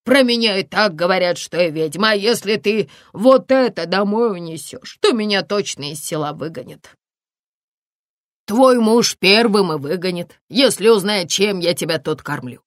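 A woman's voice: medium pitch, animated, moderate pace, no room sound, clean studio sound, lightly acted. A woman voicing a middle-aged village healer in an audiobook, coaxing and motherly in tone. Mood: pleading.

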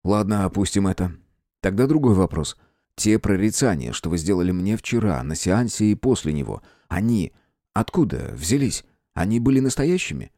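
Guy reading as polite stern old-style detective, mellow voice, dry sound. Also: deep voice, big pitch swings, dry recording. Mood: firm. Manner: measured, courteous, formal. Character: calm, firm gentleman detective of old times. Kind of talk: audiobook character voicing.

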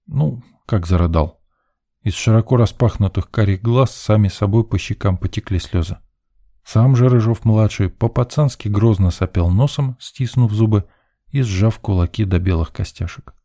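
A man reading a first-person story aloud in a wry, lively storytelling manner. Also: fairly low pitch, moderate pace, no echo, clean studio sound. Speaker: audiobook narrator. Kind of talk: scripted first-person narration.

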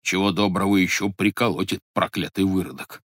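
A man's voice: low voice, steady tone, a little fast, a bit bright, dry recording, clean studio sound. A man voicing a sulky, sly old Cossack who mutters and grumbles to himself, in a storybook reading. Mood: grumbling.

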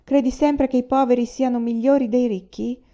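A woman reading the lines of a calm, hard-hearted male rebel leader, blunt and unsentimental. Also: on the high side, moderate pace, dull audio, voice pushed up, lightly acted.

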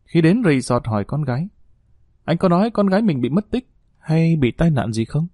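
An angry, determined father who questions hard and spits out curses, as a male narrator plays him. The voice is dark and mellow, and the recording is close and dry. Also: a little high, big pitch swings, normal speed, no room sound, pitched above the performer's own voice. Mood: probing. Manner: forceful, bitter.

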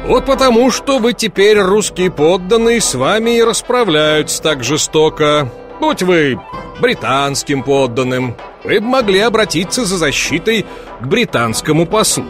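Man playing a sly police chief, mock-sympathetic, drawn-out pauses, faint music behind. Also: high voice, lively intonation, pitched above the performer's own voice. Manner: measured, drawn-out teasing pauses.

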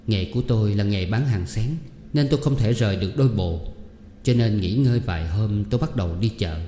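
A man narrates a novel in a steady, measured read, his voice low and mellow. The recording is roomy, with a long reverb tail and faint ambient sound underneath. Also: a little hiss or hum. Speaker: audiobook reader.

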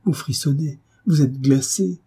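Frantic maidservant, high fretful voice, very dark tone, very husky, as a male reader puts her on. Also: unhurried, exaggerated voice. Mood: alarmed. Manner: fretful and pleading. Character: panicked older female servant.

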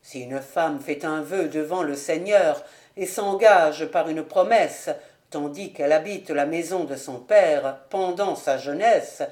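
A woman's voice: sits low, a little mellow, voice pushed down. Woman doing a solemn old minister. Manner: solemn, measured. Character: stern elderly male minister reading scripture. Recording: echoey room.

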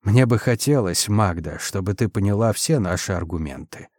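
A man voicing a tired, gentle admiral who speaks softly but firmly. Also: lowish voice, lively intonation, normal speed, no room sound, clean studio sound. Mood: soft, resolute. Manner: soft, quiet, tired. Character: weary, gentle male admiral, resolute.

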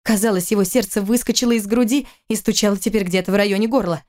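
A woman reading an audiobook in an even, measured way. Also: mid-range voice. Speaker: audiobook narrator. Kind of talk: scripted narration.

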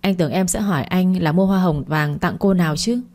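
A woman reading the lines of a kind, teasing young male company chairman in a storybook, in a relaxed, playful way. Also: lowish voice, fairly quick, lightly acted. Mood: warm.

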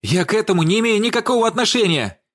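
A man's voice: medium pitch, expressive, measured pace, no echo, clean studio sound. A man reading an audiobook and voicing a cowardly young man who pleads and stammers in a bleating tone. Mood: flustered.

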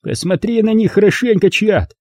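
A man's voice: high-pitched, moderate pace, a little mellow, dry recording, studio quality, pitched above the performer's own voice. A man doing a sneering teenage bully. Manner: mocking, theatrical taunting. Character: sneering teenage boy bully, loud and crude.

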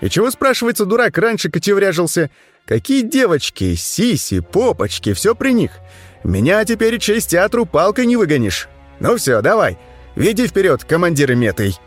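Man voicing a loud, brash snouted devil. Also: high voice, huge pitch swings, moderate pace, soft background music, pitched above the performer's own voice, exaggerated voice. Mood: rowdy. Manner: brash, bawdy, rambling. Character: crude boisterous male devil with a snout.

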